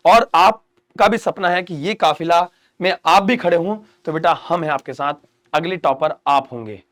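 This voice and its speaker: A young man giving students earnest exam study advice, with loud emphatic pushes and hushed, intense pep talk. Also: high-pitched. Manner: earnest, addresses students as "beta" and "mere pyare bachche". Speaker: teacher. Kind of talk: motivational study-advice lecture.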